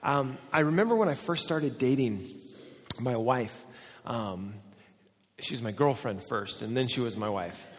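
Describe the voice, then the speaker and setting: A man in his forties, a pastor, preaching a sermon and telling personal stories in an animated, self-deprecating way. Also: medium pitch, a little slow, a little hiss or hum. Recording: hall with long reverb.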